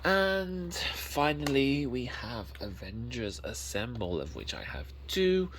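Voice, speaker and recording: A man's voice: medium pitch, very animated, takes it slowly, fairly bright tone, a little hiss or hum. A man, casually showing off his movie collection and rambling, often correcting himself as he talks.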